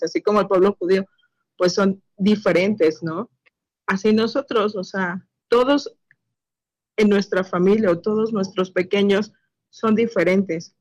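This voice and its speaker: A woman, a mother speaking earnestly and thoughtfully in a women's group, often pausing to search for her words. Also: medium pitch. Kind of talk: reflective group sharing.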